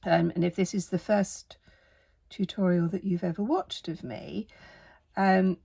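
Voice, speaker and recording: Woman, fifties, croaky frog-in-the-throat voice, raspy, tired and under the weather, gentle hesitant art teacher, casual tutorial. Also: lowish voice, steady tone, unhurried. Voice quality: croaky, husky voice. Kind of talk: casual spoken doodle tutorial.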